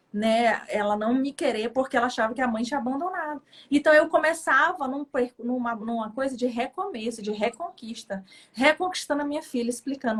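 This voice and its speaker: Expressive Brazilian woman judge, higher voice. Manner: emotional, expressive storytelling. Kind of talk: casual interview chat.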